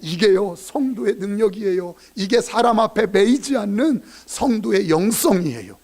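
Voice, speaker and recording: A man's voice: high voice, animated, moderate pace, a little mellow. A male pastor preaching a sermon in a church, earnest and exhorting, speaking directly to his congregation. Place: church sanctuary.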